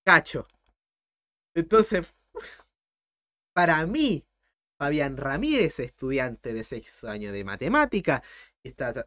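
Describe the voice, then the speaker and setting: Blunt, fast-talking Chilean man tutor. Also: on the high side, fairly bright tone. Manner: blunt, impassioned, talks fast. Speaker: math tutor streamer. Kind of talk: livestream talk to chat.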